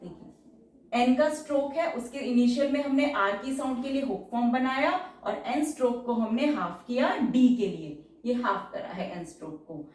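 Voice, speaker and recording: A woman's voice: on the high side, lively intonation, normal speed, darkish tone, heavy reverb, far from the mic. A woman teaching shorthand in a patient, step-by-step tutorial, repeating each example word as she goes. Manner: patient, explains each stroke and repeats words.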